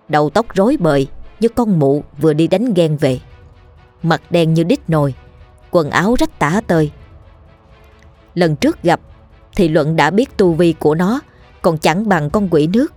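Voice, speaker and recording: A woman narrating a ghost story in a steady, vivid storytelling manner. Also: low voice. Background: faint background music.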